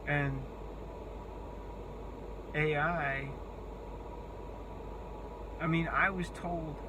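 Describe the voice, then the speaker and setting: Halting young man with a thin, squeaky voice. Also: steady tone, background noise. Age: 20s. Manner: halting, searching for words, rambling. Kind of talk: unscripted monologue to camera.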